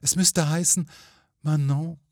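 A man's voice: fairly high pitch, steady tone, slow pace, no echo, studio quality, voice pushed up. A man voicing the faint, sweet ghost of a murdered young woman in a storybook reading, pleading and lamenting.

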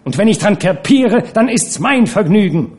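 A man voicing a fiery young actress and courtesan, shrill and scolding as she shouts. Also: expressive, a little fast, close to an everyday voice. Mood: screaming.

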